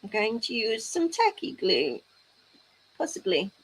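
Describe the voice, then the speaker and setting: A woman hosts a casual crafting livestream, reading out chat and tossing playful, teasing asides to her viewers as she works. Her slightly high voice swoops wildly in pitch, moves a little slowly and sounds a bit rough, and the recording quality is low.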